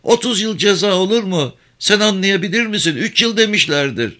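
A man's voice: sits high, expressive, moderate pace, pushed and bright, pitched above the performer's own voice. Man voicing a weepy old village mother. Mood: tearful lament. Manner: plaintive, tearful lament.

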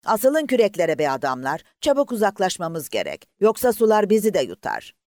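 A man's voice: sits high, huge pitch swings, normal speed, darkish tone, no echo, clean studio sound, pitched above the performer's own voice. A man voicing a commanding male ship's officer who barks urgent orders in a lifeboat, read as a character in an audiobook.

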